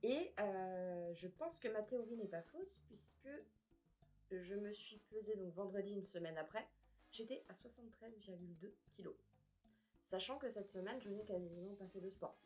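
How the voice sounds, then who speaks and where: A young woman vlogging casually to camera in a room, frank and expressive, swearing now and then. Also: mid-range voice, normal speed, faint music behind. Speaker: fitness and weight-loss vlogger. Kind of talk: casual vlog talk to camera.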